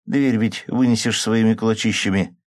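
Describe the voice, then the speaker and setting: A man's voice: fairly low pitch, fairly even intonation, normal speed, no room sound, studio quality, voice pushed up, lightly acted. A man voicing an upset young woman who sighs and pleads plaintively, in an audiobook. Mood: sharp. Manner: plaintive, sighing. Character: upset young woman, worried about her drinking man.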